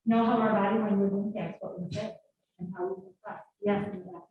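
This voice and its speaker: A woman's voice: medium pitch, a little fast, slight background noise. A woman instructor leading a live leadership workshop, drawing answers from the audience in a classroom. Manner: lively, coaxing audience answers. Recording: echoey room, distant muffled mic.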